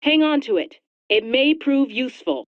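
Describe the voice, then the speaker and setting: A woman voicing a brisk, authoritative female agency chief in a video game, heard over a radio filter. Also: sits high, lively intonation, no room sound, narrow, tinny audio. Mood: commanding.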